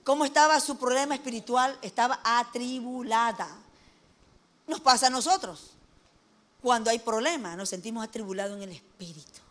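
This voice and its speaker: A woman's voice: a little high, moderate pace, a bit bright. A middle-aged woman with an Ecuadorian accent preaching a conversational sermon, folksy, asking her listeners questions and joking lightly. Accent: Ecuadorian Spanish.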